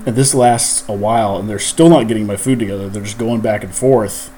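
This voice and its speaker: A man's voice: on the low side, fairly quick, dark tone, a little hiss or hum. Rambling man telling a story. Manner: rambling, filler-heavy, laughs through the story. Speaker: podcast host. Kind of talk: casual storytelling chat.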